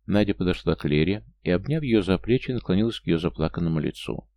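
A man narrating an audiobook with a very low, gravelly voice and a dark, mellow tone. His reading is measured and even, recorded close and dry with no room sound. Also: dry recording. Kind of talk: scripted narration.

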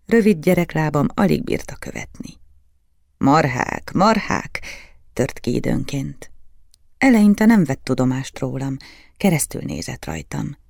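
Guy reading an audiobook, measured, gravelly voice, dry close sound. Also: fairly high pitch, expressive, darkish tone, dry recording. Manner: measured, storytelling. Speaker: audiobook narrator. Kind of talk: scripted narration.

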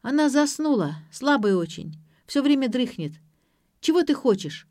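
A woman's voice: high voice, sing-song, normal speed, no room sound, clean studio sound, voice pushed up. A woman voicing a brash, rude young woman. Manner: loud, rough colloquial.

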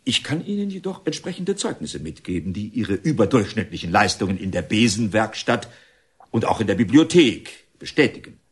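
In a German radio drama, an actor plays a stern, self-important, middle-aged reformatory director, speaking formally and deliberately in a husky voice. The male voice sits on the low side yet is very animated, with a firm, official mood.

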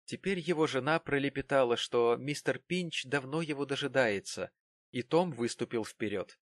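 Measured male audiobook narrator. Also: medium pitch, dry recording. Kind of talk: scripted narration of a novel.

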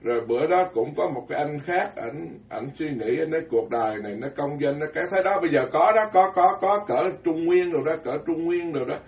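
Speaking a little fast and with few pauses, a Buddhist monk gives a joking, folksy Dharma talk, stumbling on repeated words while pressing his points. His voice runs slightly high for a man. The mic sits far off in an echoey hall, so a roomy reverb wraps around him.

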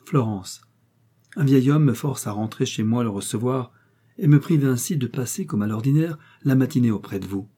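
A proud young baronet who bristles easily, read by a man. His stiff, indignant words come in a mellow, husky voice. He sounds like a figure from a period storybook. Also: mid-range voice, moderate pace, lightly acted. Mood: plaintive.

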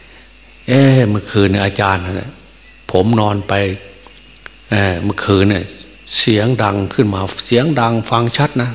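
A frightened ancient king pleads in a slow, puzzled way, voiced by a monk in his sermon. The voice is deep and low. A long hall reverb and a faint hum sit under it. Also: fairly even intonation, lightly acted. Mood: troubled.

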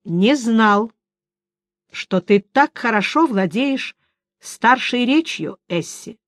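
A woman's voice: fairly high pitch, animated, slow, dry recording. A woman reading aloud voices a grave male monster-hunter with terse, stern speech. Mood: dry.

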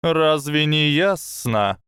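Man doing a hissing sardonic snake, high and loud, slow drawn-out words, scheming. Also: expressive, clean tone, dry recording, studio quality. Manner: hissing, mocking, instructive.

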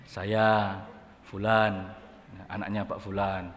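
A man's voice: fairly low pitch, flat delivery, slow, pitched below the performer's own voice. A man acting out a stammering young suitor. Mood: nervous. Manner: stammering, hesitant, quiet. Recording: echoey hall, faint background noise.

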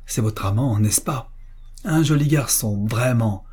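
A man's voice: mid-range voice, a little slow, a little mellow, breathy edge. A man voicing a stern, spiteful old mother-in-law who scolds and sneers, in an audiobook reading. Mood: scolding.

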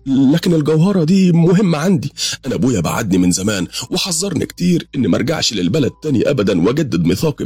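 Brief: remorseful young husband, Egyptian accent, husky and emotional, lively pitch, read by a male narrator. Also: no echo. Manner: pleading, emotional.

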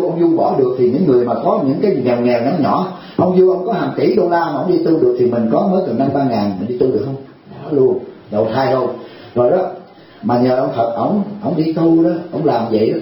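A man's voice: fairly high pitch, dark tone. A man, a Buddhist teacher, giving a humorous, chatty sermon at a retreat and constantly asking his listeners "right?". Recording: heavy hall echo.

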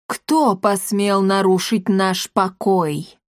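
A woman's voice: mid-range voice, lively intonation, unhurried, a little mellow, no echo, clean studio sound, close to an everyday voice. Woman doing a roaring old ghost general. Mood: menacing. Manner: roaring, threatening. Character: old ghost general, gruff and menacing, male.

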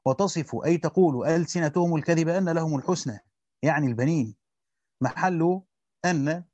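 A man with an Egyptian accent reads a Quran commentary aloud quickly as a teacher. He stops to explain grammar and quizzes his students. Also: fairly high pitch, dark tone, no room sound. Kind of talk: fast classical Arabic reading with colloquial explanations. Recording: dull lo-fi dry recording.

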